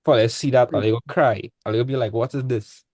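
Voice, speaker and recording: A man's voice: mid-range voice, quick pace, a little mellow, no echo. A young man, tutoring maths in a casual online class. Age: young adult. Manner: casual, laid-back teaching with dialect speech. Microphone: video call.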